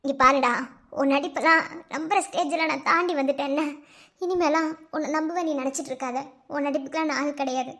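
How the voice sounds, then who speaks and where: A woman's voice: high-pitched, fairly even intonation, fast, fairly bright tone. A woman voicing a hurt young woman in a cartoon, coldly brushing off her ex. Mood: dismissive. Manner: cold, dismissive.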